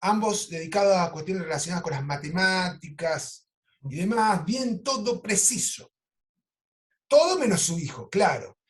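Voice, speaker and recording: A man with an Argentine Spanish accent, a psychoanalyst lecturing over a video call and telling clinical cases in a lively, animated way. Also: high-pitched, moderate pace. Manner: animated storytelling, acts out quoted lines. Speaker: psychoanalyst teaching an online course.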